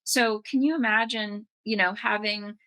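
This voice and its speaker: Casting: woman interview host, polished scripted delivery, sharp bright tone. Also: medium pitch, steady tone, moderate pace, no echo, low-quality recording. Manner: polished, encouraging. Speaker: podcast host. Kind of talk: scripted intro and interview questions.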